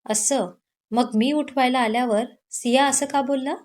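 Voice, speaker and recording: A woman's voice: high voice, steady tone, a little slow, a little mellow. A woman voicing a caring, teasing college-aged younger sister in an audio story. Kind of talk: Marathi audio story narration.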